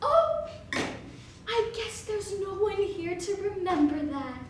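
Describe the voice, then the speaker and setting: A woman's voice: very high-pitched, big pitch swings, slow, heavily acted. A young woman playing a chatty, gushing hostess mother in a live stage play, talking effusively with laughing asides. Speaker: stage actor. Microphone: distant room mic. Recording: echoey theater from far off, faint hiss.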